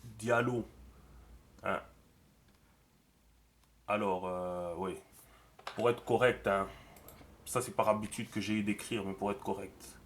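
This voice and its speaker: A man explaining a writing system in a relaxed screen tutorial, thinking aloud with many fillers. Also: fairly low pitch, slow, pauses often. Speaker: teacher.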